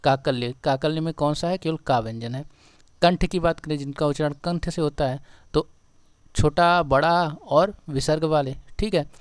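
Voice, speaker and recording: A man's voice: on the high side, brisk, darkish tone, dry recording. A male teacher giving an exam-prep grammar lesson, sounding out syllables one by one and repeating key points back as questions to his students. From India.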